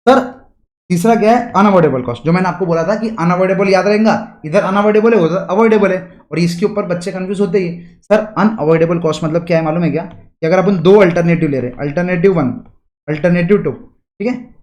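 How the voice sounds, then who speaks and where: High-voiced male teacher. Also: fairly quick, a little mellow, reverberant. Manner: rhetorical questions and everyday examples. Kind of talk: exam revision lecture.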